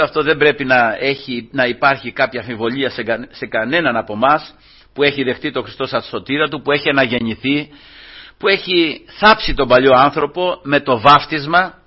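Fervent male preacher on lo-fi radio. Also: a little high. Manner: fervent, keeps calling the listeners brothers. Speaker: Pentecostal preacher. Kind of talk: sermon.

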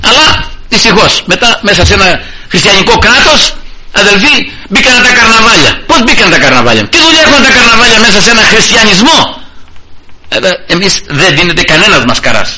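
A man preaching a sermon in an emphatic style, often rising in pitch and volume, from Greece. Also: very animated, very noisy.

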